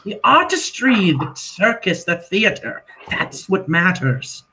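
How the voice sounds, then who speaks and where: A man's voice: sits high, sing-song, slow pace, bright, forceful tone, heavily acted, low-quality recording. A man voicing a theatrical, scheming doctor in a tabletop game, speaking in a grandiose, showman-like way.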